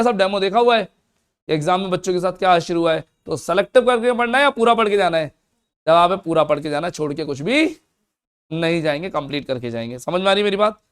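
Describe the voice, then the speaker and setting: A man teaching accounts in a fast classroom lecture, asking and answering his own questions. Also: high voice.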